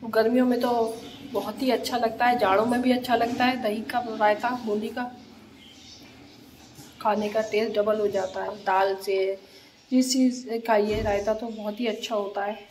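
A woman with a cold and a hoarse voice, casually explaining a home recipe step by step as a cooking vlogger. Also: fairly high pitch, fairly even intonation, normal speed, a little mellow, slight background noise. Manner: plain, homely instructional tone.

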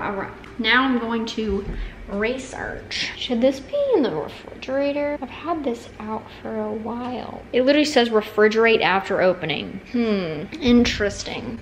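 A chatty young woman vlogs about food from her spacious home kitchen, her voice a little high. She rambles and pokes fun at herself, dropping "like" constantly. The camera sits on the counter some distance away, so the sound is roomy and hissy.

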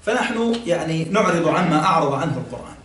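A man teaching a classroom religious lesson, explaining patiently, quizzing listeners and pausing on fillers. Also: fairly high pitch, big pitch swings, a bit bright. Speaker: sheikh teaching Quran exegesis. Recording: echoey room, mic at a distance, faint ambience.

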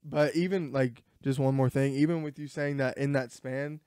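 A man's voice: mid-range voice, fairly even intonation, moderate pace, darkish tone, clean tone, no echo, studio quality. A man co-hosting a podcast, talking sports in an emphatic, opinionated way, his voice cracking at times. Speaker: podcast co-host. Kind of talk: casual sports chat.

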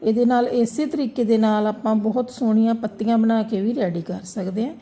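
Very dark-voiced woman teaching embroidery. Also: a little high, fairly even intonation, a little fast. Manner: gentle, repetitive instructional tone. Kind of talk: step-by-step craft tutorial narration.

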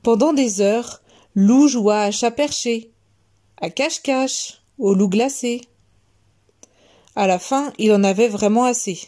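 A woman storyteller reading a children's tale aloud in a gentle, expressive way. Her delivery is slow and unhurried, with a mellow tone, pitched a little high.

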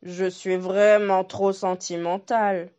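A woman's voice: mid-range voice, flat delivery, slow, a little mellow, clean tone, muffled recording, lightly acted. A woman voicing a hungry but sentimental male wolf who muses and grumbles to himself. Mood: musing.

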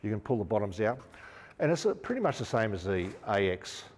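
In a spacious showroom, a man in his fifties with an Australian accent keeps up casual chatter as he demonstrates outdoor gear for the store. His lowish, darkish voice moves briskly with big pitch swings. The room sounds large, and there is slight background noise.

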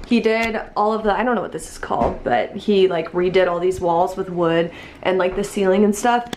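A woman's voice: mid-range voice, moderate pace, a little mellow, a little hiss or hum. A woman in her twenties chatting casually to a handheld camera at arm's length, upbeat and full of "like". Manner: chatty, upbeat, filler-heavy "like". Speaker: vlogger. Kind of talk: casual vlog chat. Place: small wooden cabin indoors, then forest trail outdoors.

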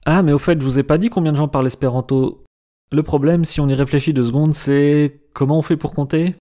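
Mellow-voiced man explaining a language. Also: a little high. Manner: lively explainer, slows to spell out pronunciations. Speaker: language video host. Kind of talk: scripted educational narration.

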